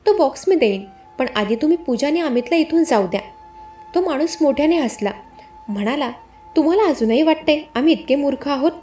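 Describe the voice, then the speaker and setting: A woman with a high, light voice reads a first-person story as scripted narration. Her delivery is steady and dramatic. Soft music plays faintly behind her.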